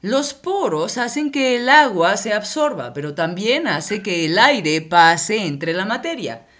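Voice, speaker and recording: Bodiless guide: bright, lively, unhurried woman, acted by a woman, teacherly and patient. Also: medium pitch. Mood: explaining. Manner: patient, explaining, occasionally scolding. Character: patient female guiding voice with no body. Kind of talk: children's educational cartoon acting.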